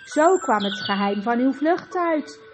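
A woman's voice: high voice, lively intonation, a little slow. Woman doing a breathless old tutor. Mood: explaining. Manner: polite, courteous. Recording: dull lo-fi with faint music.

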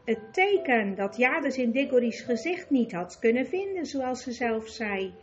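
A woman narrating a children's fantasy audiobook in a calm, clear storytelling manner. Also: on the high side, measured pace, dull audio, soft background music.

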